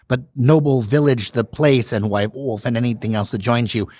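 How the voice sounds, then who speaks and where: A man's voice: mid-range voice, moderate pace, darkish tone, dry recording, studio quality. A man hosting a podcast interview, asking curious questions with some light joking. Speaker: podcast host. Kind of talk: conversational interview.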